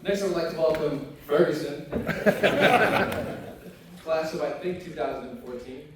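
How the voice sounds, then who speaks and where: A man's voice: a little high, moderate pace. A man acting as master of ceremonies, casually calling names to the stage. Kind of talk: ceremony announcements. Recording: echoey hall from far off, noisy.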